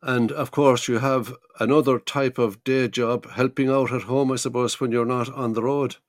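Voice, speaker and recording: An Irish man with a medium-pitched voice hosts a podcast. He speaks conversationally as he introduces and questions his guest. The sound is dry, with hardly any room on it. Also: level tone, moderate pace, no echo. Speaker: podcast host. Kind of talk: conversational interviewing.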